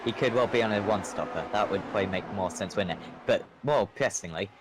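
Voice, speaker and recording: A man commentating live on a sim race as a motorsport commentator, with an excitable play-by-play delivery that lifts with the action. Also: fairly low pitch, quick pace. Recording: clear engine noise behind. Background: race car engines.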